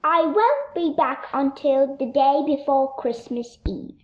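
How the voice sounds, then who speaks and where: A woman's voice: sits high, lively intonation, slow, roomy sound. A woman voicing a bossy, exasperated little Christmas lady from a storybook, in an emphatic scolding manner. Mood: firm.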